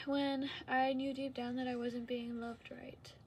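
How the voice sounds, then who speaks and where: Young woman, higher voice with little melody, casual confessional vlog talk, halting and trailing off. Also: level tone, darkish tone, a little hiss or hum, rough recording. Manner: hesitant, trailing sentences with long pauses. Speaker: vlogger. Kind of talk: casual confessional chat, unscripted.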